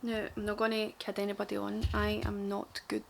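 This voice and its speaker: A woman's voice: medium pitch, completely flat delivery, a little fast, creaky, a little hiss or hum. A young woman with a broad, strong Glaswegian Scottish accent, chatting casually and self-deprecatingly to camera in an informal, rambling makeup tutorial. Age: young adult. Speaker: beauty vlogger.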